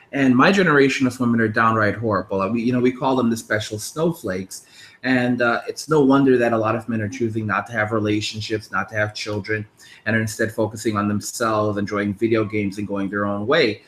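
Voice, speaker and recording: A man's voice: on the low side, steady tone, a little fast, a bit bright, echoey room. A man in his thirties hosting a casual interview, rambling, with frequent restarts. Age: 30s. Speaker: podcast host.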